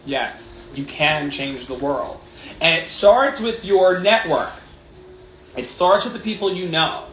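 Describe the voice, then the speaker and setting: A life coach in his late thirties speaks slowly with lively intonation on his motivational livestream, his voice a little high and a bit bright. He's emphatic and candid, swearing and repeating affirmations, in a living room with roomy echo, music behind, and a little hiss or hum.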